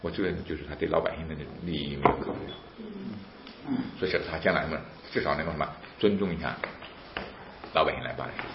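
Fast-talking deep-voiced man telling a story. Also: vocal fry. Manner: animated, re-enacts dialogue with emphatic outbursts. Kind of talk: casual storytelling. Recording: roomy, dull lo-fi recording with faint hiss.

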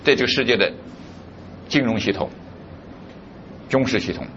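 A man's voice: lowish voice, animated, normal speed, fairly bright tone, lo-fi sound, a little hiss or hum. A male pastor preaching a sermon, who keeps putting rhetorical questions to his congregation.

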